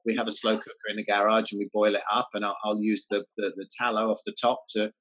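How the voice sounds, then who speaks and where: A health writer appears as a guest in a casual interview, eager and tripping over restarts and repeated words. His lowish voice is fast and a bit bright with little pitch movement, captured on a rough recording.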